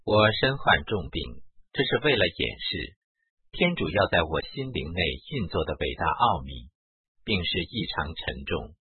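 A man with a deep, very husky and breathy voice reads a spiritual memoir aloud in a measured first-person manner, his pitch rising and falling widely. The sound is dry and tinny, as if through a narrow-band line. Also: huge pitch swings, no room sound. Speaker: reader.

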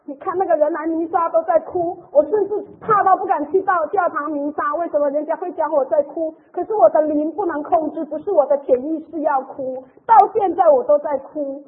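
A woman shares a heartfelt faith testimony in a high voice. Her telling is emotional and chatty, with soft sentence-final particles. The sound is thin and tinny, like a phone line played over the radio. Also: a little fast, few pauses. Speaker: church member giving testimony.

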